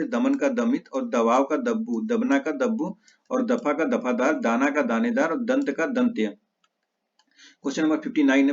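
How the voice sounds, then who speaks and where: A male teacher giving an exam-prep lesson, reciting word pairs in quick lists and correcting his own slips. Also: mid-range voice. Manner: rapid list recitation with self-corrections. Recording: slightly dull lo-fi audio.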